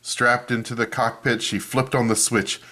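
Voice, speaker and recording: A man reads a children's picture book aloud with expressive storytelling, remarking on the pages along the way. His voice sits in the mid-range and moves at a moderate pace.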